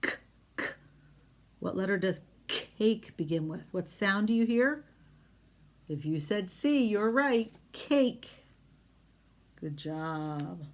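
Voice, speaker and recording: A woman teaching young children phonics, slowly modeling sounds in an exaggerated way and asking encouraging questions. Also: mid-range voice, lively intonation. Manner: encouraging, question-and-answer talk with pauses.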